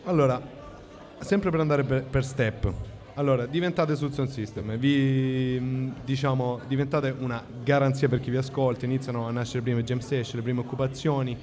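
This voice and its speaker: A man hosts an informal podcast interview. He asks relaxed questions and now and then drops in English phrases. His voice is mellow and dark, and it rings in a reverberant space. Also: medium pitch, normal speed. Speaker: podcast host.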